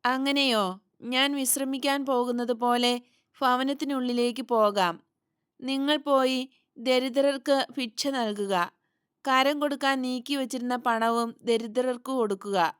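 A woman voicing a gentle, calm male spiritual teacher who speaks softly and soothingly. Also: sits high, a little slow, clear, resonant tone, no echo, clean studio sound.

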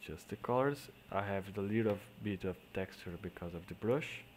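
This man, whose first language is Portuguese, walks through a digital painting step by step in a screen-recorded tutorial, his English halting and accented. His voice sits low over slight background noise, and he frequently drifts into quiet muttering as he paints.

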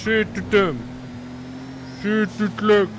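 A man's voice: sits high, flat delivery, faint music behind, natural voice. A man playing a jittery young man in a video game role-play, stammering and repeating himself. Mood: paranoid, aggressive. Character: jittery young man, paranoid and aggressive when high.

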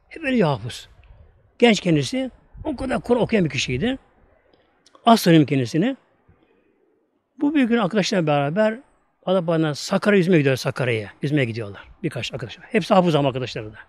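A high-pitched man with a Turkish accent preaches through a story, emphatic and repetitive, with no echo on the recording.

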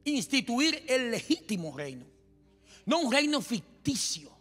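Male preacher, sermon, very high voice, impassioned shouting, joking asides, long hall echo, faint music behind. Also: big pitch swings, a little slow. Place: church sanctuary.

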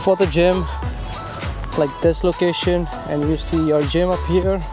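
A man vlogging casually to a handheld camera, upbeat and halting, with frequent filler sounds. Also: high voice, fairly even intonation, over music. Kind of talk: casual vlog talk to camera. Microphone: handheld camera mic.

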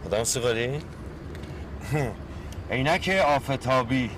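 An actor playing a flustered, bumbling young man who is quick to apologize or grumble. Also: medium pitch, lively intonation, a bit bright, slight background noise, natural voice. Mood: grumbling. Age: young adult. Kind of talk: film dialogue.

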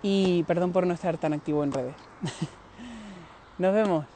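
On his outdoor live stream near a road, a singer from Tenerife in the Canary Islands moves about, laughing often and confiding in viewers. He speaks slowly in a high, mellow voice, with a little hiss or hum in the audio.

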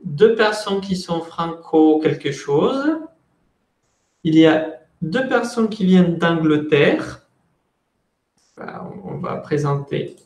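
A man in his thirties teaching an online French lesson from an office on a video call, slow and deliberate, explaining step by step. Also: fairly high pitch, animated, a little mellow, echoey room. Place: office with window blinds. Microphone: earphone headset mic on video call.

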